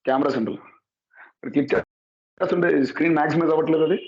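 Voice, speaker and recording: A man on a phone video call, setting up his camera and mic and asking quickly and repeatedly whether his voice comes through. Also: on the high side, fairly even intonation. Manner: quick, asks repeatedly whether he can be heard. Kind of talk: casual call about camera and mic setup. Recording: echoey, dull lo-fi call audio.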